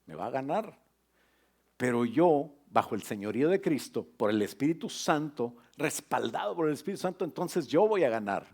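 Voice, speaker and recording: A middle-aged male pastor preaching a sermon, lively and joking with his congregation. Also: mid-range voice, normal speed, gravelly.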